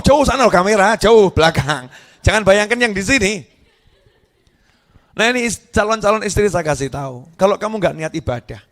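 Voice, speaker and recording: A man preaching a sermon, telling humorous stories in a lively, animated way. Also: on the high side. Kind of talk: religious sermon.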